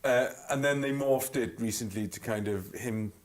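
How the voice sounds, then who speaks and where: A man's voice: medium pitch, normal speed. A man with a Welsh accent, a singer guesting on a chat show, telling stories with lots of laughter. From Wales. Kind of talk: anecdotal chat show storytelling.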